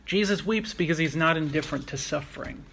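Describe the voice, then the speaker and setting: A man preaching a sermon, earnest and reflective, slowing down to stress key phrases. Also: on the high side, gravelly, fairly bright tone, slight background noise. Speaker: pastor.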